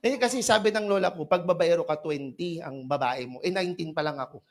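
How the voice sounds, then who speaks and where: A man's voice: on the high side, fast. A man from Pangasinan giving a comedic motivational sales talk, joking with and teasing the people in front of him. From Pangasinan, Philippines. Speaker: presenter at a business opportunity seminar. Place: in front of a live audience.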